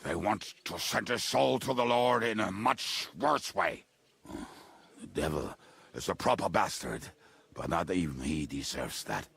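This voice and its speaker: A gravelly, blackout-drunk robber. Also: male voice, low voice, expressive, a little slow, fairly bright tone, full character voice. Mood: grim. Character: drunken, gruff, bitter male robber and henchman. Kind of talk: video game dialogue acting.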